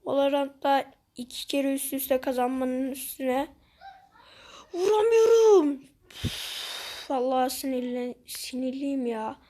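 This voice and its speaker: A woman with a high voice narrates her match as she plays it, chatting to her viewers. She is easily frustrated and excitable throughout. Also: moderate pace, few pauses. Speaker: gaming channel host. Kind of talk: gameplay commentary.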